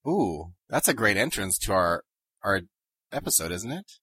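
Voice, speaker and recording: A man's voice: fairly low pitch, big pitch swings, moderate pace, pushed and bright, husky. A man co-hosting a comedy podcast, playful and giggly. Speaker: podcast co-host. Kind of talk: comedic casual chat.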